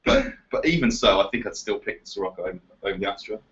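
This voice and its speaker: Lively, bright-voiced southern English man. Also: lowish voice, fast. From Essex, England. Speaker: web producer and co-host. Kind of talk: casual car Q&A chat. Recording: slightly dull sound, faint background noise.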